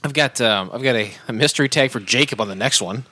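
A man's voice: mid-range voice, fast talker, pushed and bright. A man co-hosting a podcast, bantering with teasing sarcasm in casual chat. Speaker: podcast co-host.

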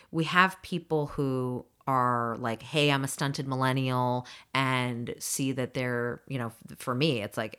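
A low-pitched woman in her thirties chats as a podcast guest, animated and outspoken, often breaking into laughter. Her talk is loose and frank, with a casual swear now and then. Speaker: housing advocacy group leader, guest.

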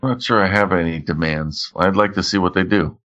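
A man's voice: low-pitched, a little fast, a bit bright. A man chatting casually, recorded with a muffled, dull sound. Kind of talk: casual chat.

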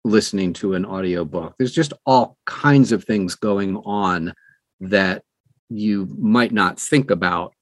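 An older man who narrates audiobooks speaks conversationally in an interview, his phrasing measured and emphatic with deliberate pauses. His voice is fairly low, and there is no room sound.

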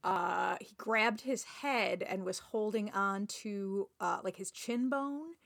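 A woman's voice: medium pitch, slow, gravelly, a bit bright. A woman co-hosting a casual podcast, informal and a little self-mocking as she talks. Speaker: podcast co-host. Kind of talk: casual chat.

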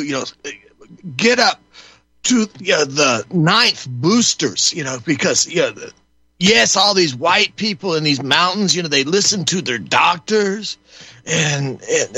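A man's voice: on the high side, sharp tone, no echo, exaggerated voice. A man voicing a rambling, scheming middle-aged male conspirator who fills his talk with "you know.". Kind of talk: comedic call-in role-play.

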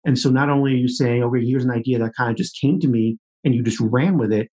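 A man in his late thirties hosting a podcast, asking reflective, measured questions. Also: medium pitch, warm tone, rough recording. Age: 30s. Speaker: podcast host. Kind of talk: interview conversation.

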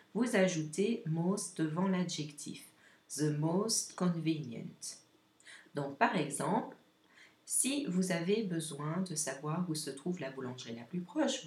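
A woman hosting a podcast language lesson, saying model phrases slowly and carefully for listeners to repeat. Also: lowish voice, a little mellow, reverberant. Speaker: English teacher and podcast host.

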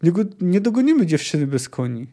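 A man's voice: high-pitched, very animated, a little fast, mellow, voice pushed up, heavily acted. A man voicing a bossy, impatient male mercenary leader in an audiobook-style reading, barking and scornful. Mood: angry.

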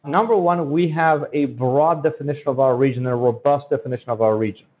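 A Central European man, born in Poland and raised in Germany and a native Polish speaker, appears as an economic development guest on a podcast. He talks quickly at a medium pitch, giving earnest, promotional answers and often repeating phrases, captured on dull, lo-fi audio.

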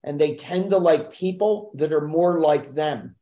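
A man's voice: fairly high pitch, measured pace, mellow, muffled recording. A man speaking as a guest in a podcast interview, explaining sales ideas in an assertive, emphatic teaching manner.

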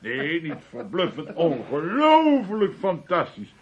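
Radio play: an excitable, hearty drinking buddy with a fairly high voice, slightly dull broadcast sound. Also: male voice, slow pace, slight background noise, exaggerated voice. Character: boisterous tipsy male friend. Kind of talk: studio radio play acting.

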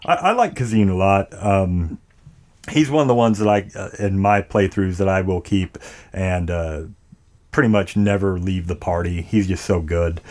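Deep and darkish in tone, this man speaks at a moderate pace while hosting a casual, profane podcast chat about video games. Recent dental work leaves his speech a bit impeded.

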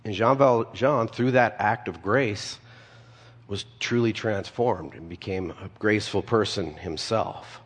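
Pastor preaching in a reverberant hall. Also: male voice, lowish voice, a little slow, slightly rough. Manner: conversational, storytelling with asides. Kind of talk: sermon.

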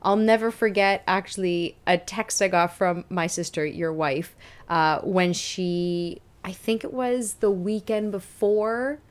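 A woman's voice: lowish voice, unhurried, clean tone. A woman from Canada, a dietitian, chatting casually as a podcast co-host in a basement. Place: indoors in a basement, not a studio.

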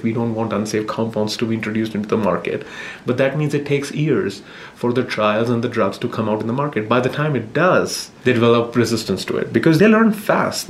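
A man, a scientist, explaining his work informally in an interview in a lab. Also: medium pitch. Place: indoors in a lab. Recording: faint room noise on location. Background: faint noise, room ambience.

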